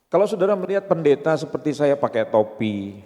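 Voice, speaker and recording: A man's voice: on the high side, sing-song, brisk, mellow. A pastor in his sixties with an Indonesian accent, giving a seminar sermon full of jokes and rhetorical questions to his audience. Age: 60s. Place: church seminar hall. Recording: long hall reverb.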